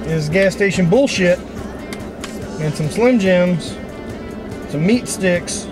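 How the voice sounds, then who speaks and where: Blunt thirties man, slightly high voice, motivational, dash-cam in a truck, music loud behind. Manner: blunt, swears freely, motivational. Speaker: vlogger. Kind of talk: casual vlog monologue. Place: inside a parked truck. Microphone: camera on the dashboard.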